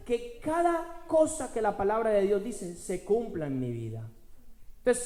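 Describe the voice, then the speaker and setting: A man's voice: sits high, dark tone. Male preacher in a reverberant hall. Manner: emphatic preaching with rising repeated phrases and rhetorical questions. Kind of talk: sermon. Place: church in Spain. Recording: roomy church hall with long reverb.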